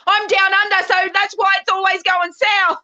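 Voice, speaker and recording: An Australian woman with a high, bright voice jokes around cheekily and brashly in a casual chat. Her humor runs bawdy and unashamed. Her audio comes through dull and lo-fi. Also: little pitch movement, moderate pace, no room sound.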